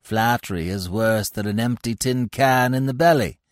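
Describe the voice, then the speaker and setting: A man voicing a solemn male adjutant stork who speaks gravely. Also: medium pitch, normal speed, no echo, studio quality, lightly acted.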